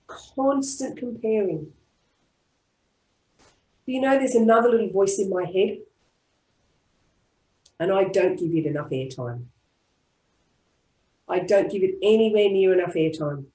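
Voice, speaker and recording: Australian woman, tapping practitioner; calm, repetitive guided affirmations; mid-pitched voice; roomy, echoey sound on an online call. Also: unhurried, pauses often. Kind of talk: guided group tapping session. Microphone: online video call. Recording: roomy echo.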